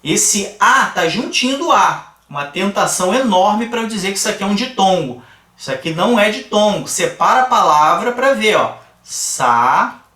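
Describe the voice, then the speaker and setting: A man with a Brazilian Portuguese accent teaching a grammar lesson, explaining slowly and asking the class rhetorical questions. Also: sits high, expressive, pushed and bright, distant mic. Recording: echoey room, voice a bit off-mic.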